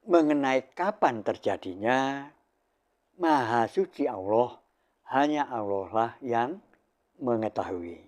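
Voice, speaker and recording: An older man giving a spiritual sermon in a measured, solemn way, pausing between short phrases. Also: mid-range voice, lively intonation, darkish tone. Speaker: spiritual teacher.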